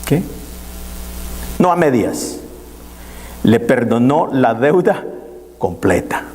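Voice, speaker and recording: Man preaching, lively rising and falling pitch, gravelly edge, long church reverb. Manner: preaching with many pauses and repeated "hermano". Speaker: pastor. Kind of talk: sermon.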